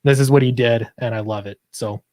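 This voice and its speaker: As a guest in a casual interview, a man who creates comic books earnestly explains the project he is working on. His medium-pitched voice is steady and somewhat dark, he talks fairly quickly, and there is no room sound.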